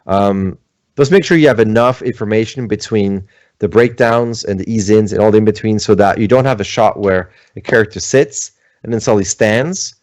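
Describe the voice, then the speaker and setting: A man's voice: on the low side, normal speed, darkish tone, no room sound. A middle-aged man from Switzerland, an animator chatting casually at home on a livestream and answering questions, rambling with many fillers. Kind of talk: livestream talk and Q&A.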